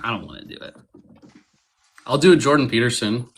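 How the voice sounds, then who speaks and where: A man chatting on a livestream with deadpan, dry teasing. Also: mid-range voice, brisk, a little hiss or hum. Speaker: livestream guest. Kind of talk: casual livestream chat.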